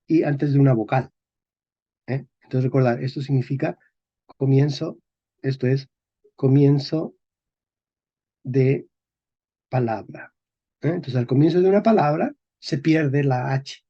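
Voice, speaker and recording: In this classroom lecture on historical sound changes, a Spanish historical phonology teacher speaks in a mid-range voice, with the highs cut off in the recording. His delivery is slow and deliberate, with key words repeated and constant "¿ok?" and "¿eh?" checks to his listeners.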